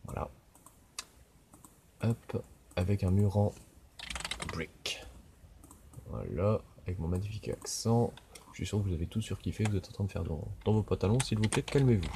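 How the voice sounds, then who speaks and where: Brief: low-voiced male tutorial host, chatty and self-mocking, swears a lot, keyboard clatter audible behind him. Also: expressive, fairly quick, noisy background. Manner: rambling, self-mocking, frequent swearing and fillers. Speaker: game developer tutorial host. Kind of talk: casual thinking-aloud screen tutorial. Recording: keyboard typing and clicks behind.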